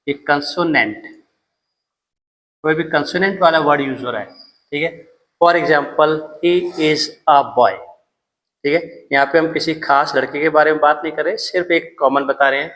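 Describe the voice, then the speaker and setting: A man's voice: fairly high pitch, normal speed, pushed and bright, poor audio. A man teaching English grammar in Hindi, patiently repeating each point and checking in with "theek hai". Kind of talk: classroom grammar lesson.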